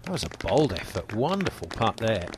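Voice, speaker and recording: A man's voice: fairly low pitch, very animated, fairly quick, noisy background. A man commentating on a golf tournament, summing up the state of play.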